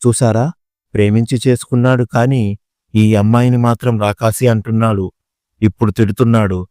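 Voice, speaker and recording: A sly lawyer presses accusations before the judge in an audio storybook, read by a man. His voice is low and smooth, his pleading pointed. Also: fairly even intonation, moderate pace, warm tone, no echo, clean studio sound, natural voice. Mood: accusing. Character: scheming male lawyer for the bride.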